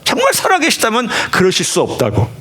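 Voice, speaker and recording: Male pastor, sermon in a church, fairly high voice, pitch leaping up and down, animated, asks the congregation questions. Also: brisk, slight background noise. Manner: animated preaching, questions the listeners directly. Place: church sanctuary.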